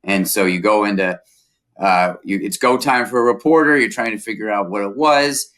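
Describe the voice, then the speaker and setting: A male reporter on a chat show walks through events step by step in a measured, explanatory way. His voice sits on the low side, with a bright, forceful edge. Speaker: reporter, guest. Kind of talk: recounting events in casual chat.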